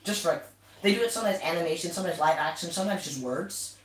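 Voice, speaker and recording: A man's voice: fairly high pitch, expressive, quick pace, recorded from a distance. A man co-hosting a casual live stream, reading out viewer questions and cracking jokes. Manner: joking, interrupting. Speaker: co-host reading chat questions. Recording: off-mic in an echoey room with faint hiss.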